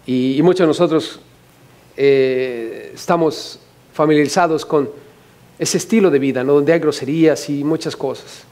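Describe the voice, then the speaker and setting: Brief: Mexican male pastor, fairly high voice, lively and joking, firing rhetorical questions at the pews. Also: normal speed. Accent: Mexican Spanish. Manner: animated, humorous, asks the congregation many questions. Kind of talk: sermon.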